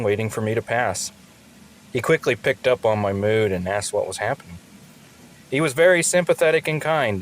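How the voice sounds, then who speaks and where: A man narrates an audio story in the first person, earnest and reflective. His voice sits in an ordinary middle register. The telling is scripted and steady. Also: medium pitch.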